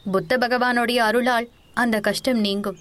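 A woman voicing a tall, stern Buddhist monk in a storybook reading, speaking in a grave, measured way. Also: on the high side, fairly even intonation, fairly bright tone, natural voice. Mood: prophetic.

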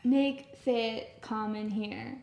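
A young woman co-hosting a podcast in casual chat, playful and quick to laugh. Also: on the high side, steady tone, darkish tone, roomy sound, slight background noise. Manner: giggly, chatty, playful. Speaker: podcast co-host.

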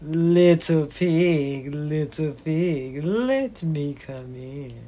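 The big bad wolf of a storybook, drawling slow and low with a menacing edge, as a woman reading the tale puts him on. His threats come out lazily drawn out, in a deep growl well below a plain reading voice. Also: mellow, full character voice.

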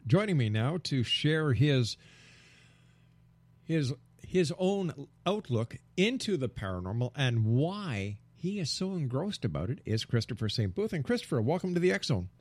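A man's voice: medium pitch, very animated, normal speed, dry recording. A man hosting a radio show in a polished, emphatic announcer style. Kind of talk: polished broadcast introduction and interview. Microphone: close studio microphone.

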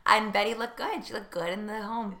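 Bright-voiced chatty woman. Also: mid-range voice, fairly even intonation. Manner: chatty, filler-heavy, quick bursts. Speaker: podcast co-host. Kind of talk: casual chat.

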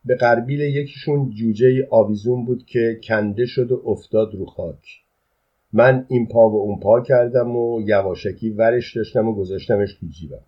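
A man reading a short story aloud in the first person, calm and even, in colloquial speech. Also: medium pitch, husky. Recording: dull lo-fi recording.

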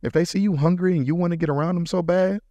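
A man's voice: high-pitched, fairly even intonation, quick pace, dark tone, no echo, highs cut off. A man hosting a podcast, giving a casual motivational talk in slangy, repetitive, preachy phrasing, and acting out quotes now and then. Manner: preachy, repeats points, slangy, acts out quotes. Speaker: podcast host.

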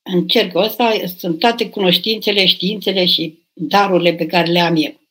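A woman's voice: on the low side, steady tone, a bit bright. An older woman, an abbess, reading out viewers' questions and answering them in an urging, emphatic way on a live stream. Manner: reads questions aloud then answers, urging and emphatic, bursts of raised voice.

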